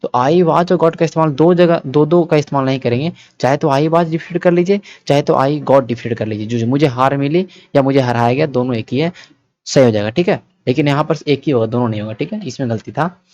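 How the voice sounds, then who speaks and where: A man's voice: mid-range voice, fairly quick, darkish tone. A man teaching English grammar for exam prep in a mix of Hindi and English. He explains patiently, repeats points and often checks that students follow. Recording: dull, dry, lo-fi sound.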